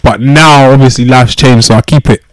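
A man's voice: medium pitch, fairly even intonation, normal speed, dry recording. A man with a London accent co-hosting a podcast, chatting casually in slang and often repeating his phrases. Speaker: podcast co-host. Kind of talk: casual chat.

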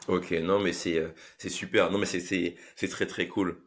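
A man hosting a podcast, talking in a relaxed, hesitant way with lots of fillers. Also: low-pitched, normal speed. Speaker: podcast host. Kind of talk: casual podcast conversation.

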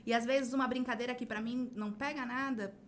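High-voiced Brazilian woman talking freely. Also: a little fast, a little hiss or hum. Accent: Brazilian Portuguese. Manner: expressive, acts out little dialogues while explaining. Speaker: podcast guest. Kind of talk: casual podcast conversation. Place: podcast studio.

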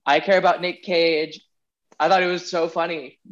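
A man co-hosting a casual film podcast, talking excitedly with lots of "like" and laughter. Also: fairly high pitch, moderate pace, highs cut off. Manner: excited, laughing, heavy use of "like". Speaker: podcast co-host.

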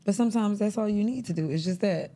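A woman co-hosting a podcast, chiming in with short relaxed agreements in casual chat. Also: medium pitch, fast. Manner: relaxed, agreeing, brief interjections. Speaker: podcast co-host.

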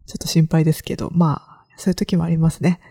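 A woman from Kagoshima hosts a solo podcast in a casual, reflective manner. Her voice sits a little low and sounds warm and mellow. She often pauses and uses fillers while she gathers her thoughts. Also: little pitch movement, creaky, breathy edge. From Kagoshima, Japan. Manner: reflective, hesitant, many fillers. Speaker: podcast host.

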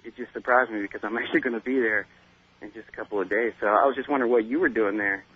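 Male caller, chatty and apologetic, husky voice on a muffled, poor-quality phone line. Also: medium pitch, steady tone, very fast. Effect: poor quality digital cell phone line. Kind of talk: call-in radio chat. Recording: dull lo-fi phone call on radio.

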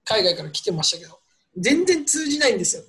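A man's voice: high-pitched, big pitch swings, fast, a crowd in the background. A man in a casual podcast chat, telling stories politely and with animation.

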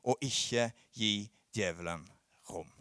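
A middle-aged man preaching a sermon, swinging between loud emphatic peaks and low quiet asides. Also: no echo, clean studio sound. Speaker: pastor.

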